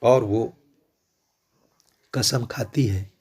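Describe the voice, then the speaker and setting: Very slow, husky-voiced male teacher. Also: medium pitch, steady tone, darkish tone. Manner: measured, explanatory, in short phrases. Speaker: literature teacher. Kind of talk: explaining a classic poem.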